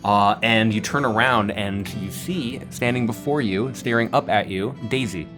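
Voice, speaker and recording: Low-voiced male game master over music. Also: moderate pace. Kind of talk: improvised tabletop game narration. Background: guitar music.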